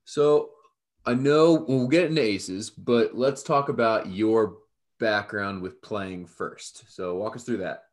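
Man hosting interview, lower pitch, casual upbeat questions. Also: takes it slowly. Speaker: podcast host.

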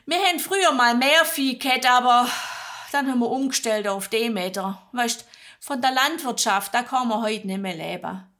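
A woman's voice: on the high side, fairly bright tone. Homely older Swabian farm woman, bossy and chatty, a bit raised, as a woman storyteller puts her on. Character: brisk kind older female farmer.

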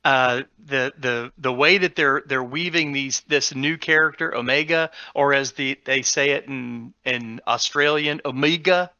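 A man with a bright, forceful voice chatting on a podcast, rambling through restarts and warming up as he explains. The recording is dull and dry. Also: mid-range voice, measured pace, hardly any pauses, smooth, no echo. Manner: rambling, many restarts, animated when explaining. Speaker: podcast co-host. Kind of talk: casual chat.

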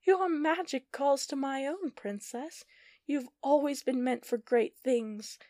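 A woman's voice: high-pitched, lively intonation, a little slow, darkish tone, no echo, studio quality, pitched above the performer's own voice. A woman putting on a taunting witch's voice. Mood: coaxing. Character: scheming seductive female witch.

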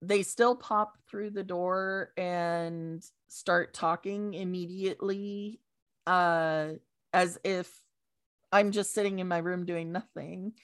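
A woman speaking as a guest in a casual interview, hesitant with many pauses and fillers. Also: lowish voice, steady tone, smooth.

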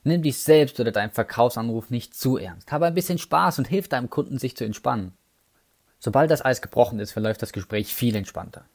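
Man, sales trainer, instructional talk, middle pitch, direct address, numbered tips, casual asides. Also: animated, fairly quick.

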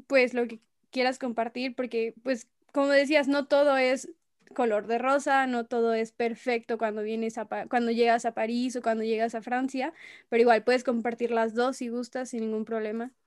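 A woman's voice: fairly high pitch, level tone, moderate pace, smooth, no echo, clean studio sound. A woman interviewing a guest, asking long, rambling questions in a friendly, encouraging way.

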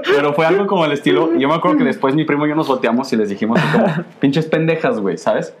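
Young man, Mexican accent, rapid slangy storytelling, casual chat. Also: a little high, a crowd in the background. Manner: fast, slangy storytelling, laughs often.

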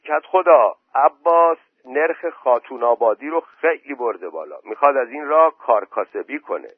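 A man's voice: medium pitch, expressive, slightly rough, no room sound, voice pushed up. A man doing a tattling older villager. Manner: tattling, told-you-so. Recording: dry phone-like voice message.

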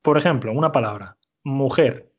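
A man teaches a Spanish lesson in an even, middle voice. He explains step by step and keeps checking that his listeners follow. The recording sounds slightly dull. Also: mid-range voice, moderate pace, husky. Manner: explanatory, frequent "¿vale?" checks. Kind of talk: language lesson.

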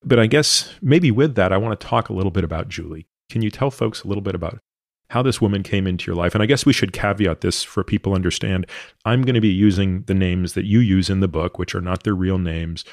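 Male podcast host, 30s, low voice, thoughtful and earnest, dry studio sound. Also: brisk, no room sound. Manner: thoughtful, earnest, explains at length. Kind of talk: long-form interview conversation.

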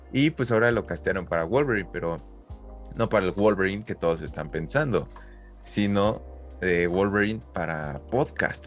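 A Mexican man co-hosting a podcast in casual, slangy, jokey conversation. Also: low-pitched. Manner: jokey, informal. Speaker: podcast co-host.

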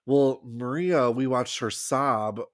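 A man's voice: medium pitch, slow, no room sound. Laid-back man recapping, dry sound. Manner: relaxed, filler-heavy storytelling. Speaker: podcast co-host. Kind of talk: casual chat recap.

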